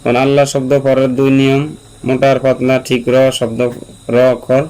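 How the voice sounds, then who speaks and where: A man teaching Quran reading, spelling out syllables slowly and repeating them patiently for learners. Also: mid-range voice, clean tone, rough recording. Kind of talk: slow spelled-out recitation lesson. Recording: steady mains hum behind the voice.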